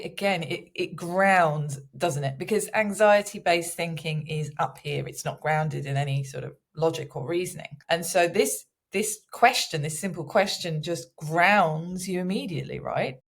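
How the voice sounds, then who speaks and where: A woman with a low voice hosts a podcast conversation. She talks reflectively, often restarting a phrase before finishing her point. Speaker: podcast host.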